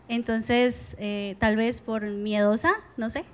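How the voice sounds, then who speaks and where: A woman's voice: on the high side, flat delivery, slow pace, slight background noise. A woman on a panel who works as a social communicator, speaking candidly and reflectively. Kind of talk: panel talk.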